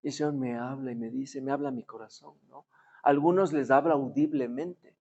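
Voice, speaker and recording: A man's voice: mid-range voice, a little fast, vocal fry, darkish tone. Man preaching a conversational sermon, lo-fi. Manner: conversational, often asks the listeners to agree; acts out quoted voices in his story. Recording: dull lo-fi recording.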